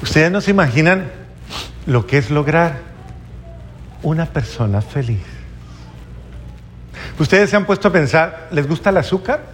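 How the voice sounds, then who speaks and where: A man preaching a sermon, earnest and slow, putting questions to the congregation. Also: fairly high pitch, animated, slight background noise.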